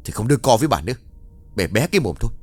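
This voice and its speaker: A man voicing a gruff, cold-hearted drunken father who talks harshly and scolds. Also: medium pitch, very animated, racing, no echo, faint music behind. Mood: harsh scolding.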